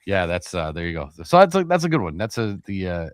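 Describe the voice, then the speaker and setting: A man's voice: sits low, big pitch swings, fast talker, dry recording, clean studio sound. A man co-hosting a sports podcast, chatting casually and rambling with lots of fillers and restarts. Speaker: podcast co-host.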